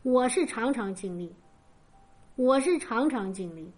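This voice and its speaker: A woman's voice: fairly high pitch, lively intonation, measured pace, darkish tone, faint music behind. A woman in her forties preaching to her congregation in a conversational way, telling personal stories. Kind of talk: sermon.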